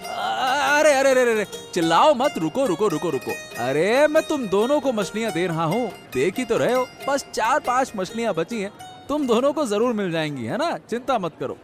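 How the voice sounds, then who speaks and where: A man voicing a cheerful, honest village fishmonger in a cartoon, loud and hawking. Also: sits high, sing-song, normal speed, faint music behind. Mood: chatty. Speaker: fish seller. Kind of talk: animated cartoon dialogue.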